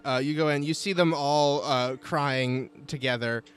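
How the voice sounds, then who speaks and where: Man, game master, narrating a tabletop game, hesitant, lots of ums, mid-pitched voice. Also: fairly even intonation, measured pace, soft background music. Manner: hesitant, many ums, laughs often.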